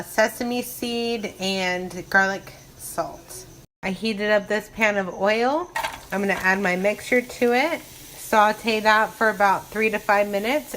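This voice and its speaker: A woman's voice: mid-range voice, a bit bright. A woman giving an informal, step-by-step cooking narration in the style of a casual home vlog. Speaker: home cook presenting a recipe. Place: home kitchen. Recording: noisy kitchen with frying sizzle. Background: food frying and sizzling.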